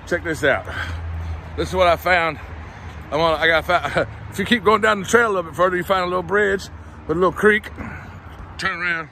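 A man's voice: high-pitched, brisk, vocal fry, sharp tone, a little hiss or hum. Middle-aged man, casual walking vlog, chatty, a touch out of breath, phone mic outdoors. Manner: chatty, rambling, self-deprecating. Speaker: vlogger. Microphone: phone held while walking.

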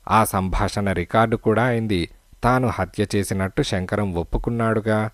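Man voicing a smug police inspector, brisk, low voice, dry audiobook read. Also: no room sound, lightly acted.

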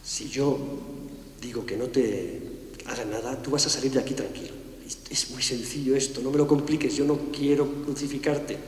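A smooth-talking, coaxing Roman official, as a man puts him on, speaks in a casual, low-key way. He tries persuasion rather than force. A long hall reverb surrounds the voice. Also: fairly even intonation, normal speed, darkish tone, distant mic, a little hiss or hum, close to an everyday voice.

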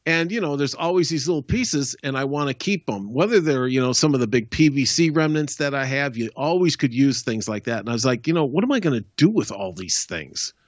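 A man co-hosting a home improvement talk show, speaking in a relaxed, rambling way. His voice sits at a medium pitch and sounds dry and slightly muffled, as if recorded close to the mic with little room sound. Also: a little fast, few pauses, no echo. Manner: easygoing, rambling with fillers. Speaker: co-host. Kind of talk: casual chat.

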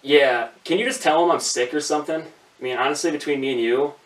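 Slightly high-voiced and fairly quick, this young adult vlogger and prank caller rambles along in a casual, deadpan manner. The recording comes from a small home room with the camera several feet away, giving it a roomy echo.

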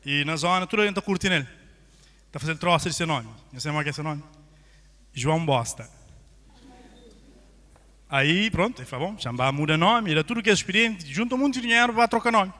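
Cape Verdean comic, high bright voice, stage storyteller, hall echo. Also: male voice, very fast. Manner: lively joke-telling. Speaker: stand-up comedian. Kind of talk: stand-up storytelling. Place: stage in a theatre. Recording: long hall reverb.

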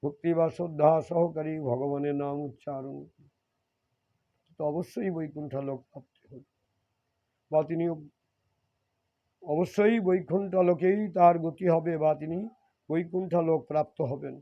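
This scripture reader speaks in a fairly high, steady voice at a moderate pace, pausing often as he reads devotional passages and explains them. He frequently repeats and rewords what he's said, captured on a dull lo-fi recording.

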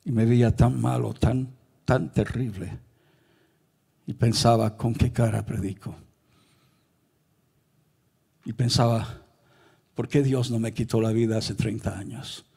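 Middle-aged Chilean pastor, gravelly and husky, emotional sermon testimony that swings into raised pleading. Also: male voice, mid-range voice, fairly even intonation, dark tone. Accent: Chilean Spanish. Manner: emotional, reenacts his cries with raised, drawn-out pleading.

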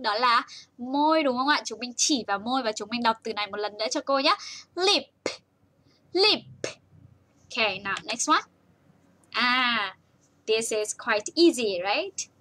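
Bright-voiced, upbeat Vietnamese woman teacher. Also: a little high. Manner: bouncy, praising, switches between slow English and rapid Vietnamese. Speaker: English teacher for young children. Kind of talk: live-stream lesson reading viewer comments.

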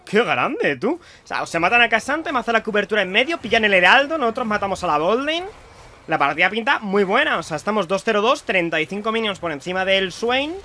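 A young man from Spain with a Spanish accent, chatting excitedly to viewers while commentating his own gameplay. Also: high voice, a little fast. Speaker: streamer playing a video game.

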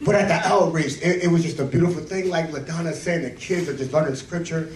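A man giving an excited report at a church meeting, building into loud, fired-up preaching. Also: a little high, a little fast, slight background noise. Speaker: ministry worker giving a report. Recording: echoey room, distant camera mic.

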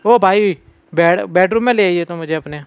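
Gaming streamer, young man, slightly high voice, jumpy and scared commentary, dry dull mic. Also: fairly quick, creaky, clear, resonant tone, no room sound. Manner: jumpy, scared exclamations, talks to viewers as brothers. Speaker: gaming YouTuber. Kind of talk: horror game let's play commentary.

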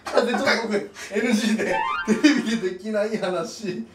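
A man's voice: high voice, fairly quick. A man who is a psychic comedian, chatting in a meeting, polite and apologetic, explaining things at length. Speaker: psychic comedian doing tarot. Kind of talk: casual meeting chat. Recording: roomy sound from a distant mic with music. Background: background music.

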